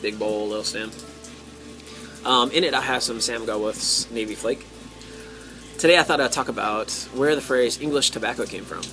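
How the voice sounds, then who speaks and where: An American man talking casually to his viewers as a hobby vlogger, in a halting way, thinking aloud with drawn-out pauses. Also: medium pitch, music in the background. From United States. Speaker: pipe-hobby vlogger and host. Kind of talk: casual solo talk to viewers.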